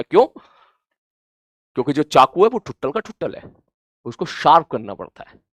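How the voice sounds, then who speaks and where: A man's voice: dry recording, clean studio sound. Earnest male teacher lecturing students. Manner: earnest, scolding yet gentle, repetitive emphasis; rises loud and high when urging. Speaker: coaching teacher. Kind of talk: motivational talk to students.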